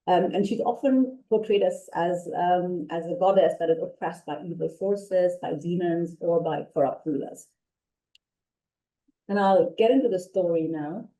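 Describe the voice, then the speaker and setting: A woman's voice: lowish voice, a little slow, mellow, poor audio. A woman presenting at an online conference, retelling a myth in a thoughtful, explanatory, somewhat hesitant way over a video call.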